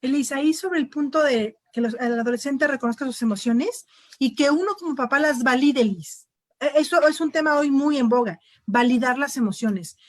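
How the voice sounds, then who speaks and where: A woman's voice: sits high, normal speed, dry recording, clean studio sound. A woman speaking as a parent guest in a casual panel conversation, talking animatedly and acting out scenes between parent and child. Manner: animated, acts out quoted parent and child voices.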